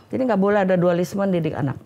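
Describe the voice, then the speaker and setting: An older Indonesian woman speaks in a relaxed, conversational way, her voice rough with vocal fry. She tells family memories as an interview guest and acts out the dialogue as she goes. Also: on the low side, fast. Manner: acts out family dialogue when recalling stories. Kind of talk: casual conversational storytelling.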